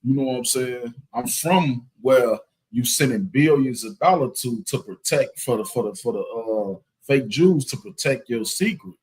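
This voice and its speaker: A man co-hosting a live talk show, making animated, heated religious commentary. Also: medium pitch, normal speed, slightly rough, low-quality recording. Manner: animated, loops "you know what I'm saying", agrees loudly. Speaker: podcast co-host.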